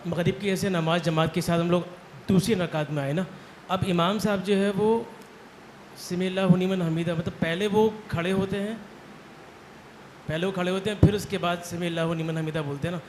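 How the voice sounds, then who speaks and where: A man in the audience asking a question haltingly, searching for his words. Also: sits high, fairly even intonation, slight background noise.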